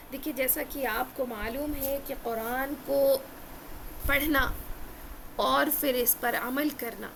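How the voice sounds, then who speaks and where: Earnest woman teacher, high voice, repeats and slows for emphasis, slight hiss under the recording. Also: creaky, a bit bright. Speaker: Quran recitation teacher. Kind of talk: religious lesson.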